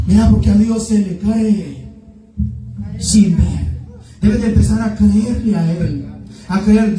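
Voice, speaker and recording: A man's voice: high voice, dark tone. A man preaching a sermon with fervent, repetitive exhortation. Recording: echoey room, distant mic, faint music.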